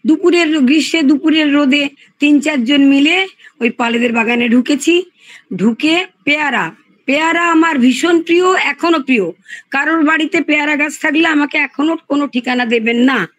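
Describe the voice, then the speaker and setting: An older woman casually telling a lively childhood story on a video call, acting out the shouted quotes. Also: sits high, moderate pace, no room sound, low-quality recording. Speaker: participant in an elders' group chat.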